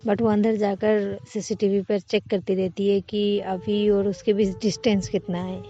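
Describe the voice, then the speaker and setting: A woman narrates a romance story in an easy, conversational way. Her voice is warm and mellow. The lo-fi recording sounds dull, with faint music playing behind her. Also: medium pitch, level tone, unhurried.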